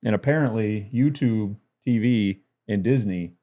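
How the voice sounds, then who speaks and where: A man co-hosting a casual wrestling podcast, chatty and quick to laugh as he rants about sports and wrestling. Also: on the low side, dark tone. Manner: chatty, laughs while ranting. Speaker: podcast co-host. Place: lives in Detroit.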